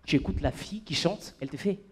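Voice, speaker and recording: A man doing a stand-up comedy set on stage, playful and animated, breaking into falsetto and shouts for gags. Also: fast, breathy edge. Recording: live club with audience.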